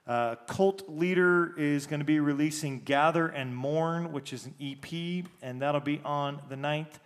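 A man's voice: a little high, a little slow. A man hosting a podcast, reading out new music releases in an informal way and spelling out names, with a big room echo on his voice. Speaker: podcast host. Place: echoey, stripped-out basement.

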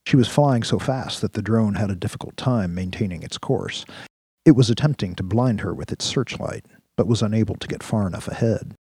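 A man narrating a sci-fi action story in a steady, vivid storytelling manner. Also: on the low side, brisk, husky, dry recording, studio quality. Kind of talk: audiobook-style story narration.

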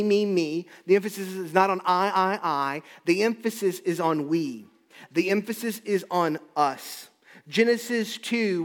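High-voiced male pastor preaching in a hall. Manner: emphatic, repetitive preaching cadence. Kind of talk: sermon.

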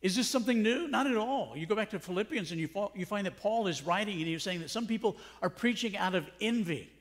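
A man's voice: high voice, animated, quick pace. A middle-aged male pastor preaching a sermon in a conversational way, full of rhetorical questions. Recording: long hall reverb.

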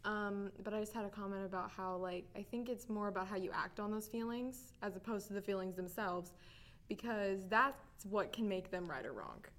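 A woman's voice: medium pitch, moderate pace, a bit bright. A woman in a group discussion adding her own view in a thoughtful, hesitant way. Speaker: discussion participant. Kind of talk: casual chat.

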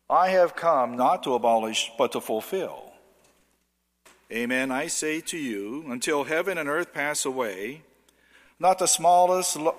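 A man giving a solemn, formal Gospel reading as clergy at a church service, with cathedral echo around his voice. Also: mid-range voice. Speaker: priest or deacon reading the Gospel. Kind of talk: liturgical scripture reading. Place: large church during a service. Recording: echoing church hall, long cathedral-like reverb.

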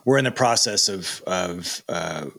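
A man's voice: low voice, measured pace, a bit bright, breathy edge. A man hosting a podcast interview, talking conversationally with plenty of fillers and short backchannels. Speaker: podcast host. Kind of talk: casual interview chat.

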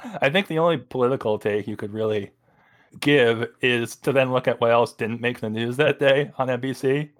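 A man's voice: medium pitch, moderate pace. A man on a podcast panel, making dry, wry jokes and the odd swear in casual political talk.

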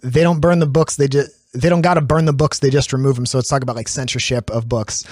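A man's voice: mid-range voice, fairly even intonation, fast, darkish tone, dry recording, clean studio sound. A man hosting a podcast. He talks through song lyrics in a casual, chatty way, with many ums and restarts. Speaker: podcast host.

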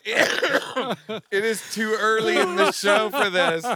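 A campy male co-host with a high-pitched, bright voice, bantering like a teasing drag queen. He takes his time over arch asides, and the recording is close and dry. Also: slow pace, dry recording, poor audio. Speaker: podcast co-host. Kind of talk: bantering comedy talk, reading listener mail.

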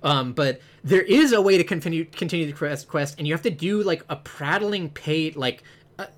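A man's voice: on the high side, moderate pace. A man chatting casually about a video game, rambling and full of "like" fillers, with the odd swear.

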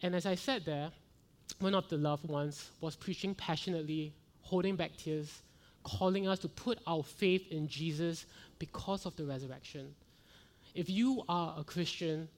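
A middle-aged male pastor preaching a sermon, earnest and building to fervent rhetorical questions. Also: a little high.

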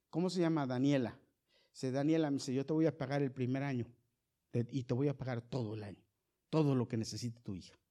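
A middle-aged male pastor delivers a sermon in a fairly high voice. He swings between loud, ringing calls to the congregation and soft, low storytelling.

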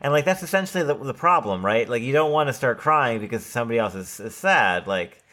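A man co-hosts a podcast in a casual, conversational way, peppering his talk with "like" and "right?". His mid-range voice is bright and forceful, with lively intonation and a slightly fast pace.

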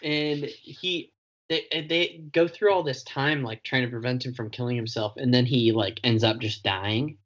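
A man's voice: medium pitch, normal speed, fairly bright tone. Laid-back man in lo-fi casual chat. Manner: laid-back, laughs often, recaps plot with fillers. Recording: dull lo-fi sound.

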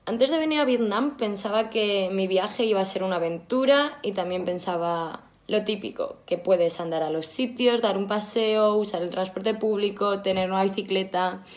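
A woman's voice: medium pitch, normal speed, hardly any pauses. A woman with a Madrid Spanish accent, answering interview questions plainly. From Spain. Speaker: interview guest.

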